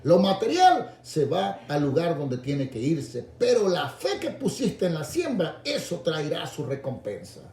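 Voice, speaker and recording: A man preaching a radio sermon, calling his listeners "brother" and swinging from low, intimate asides to raised, shouted appeals. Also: huge pitch swings, a little slow, few pauses, roomy sound, a little hiss or hum. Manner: addresses listeners directly as "hermano".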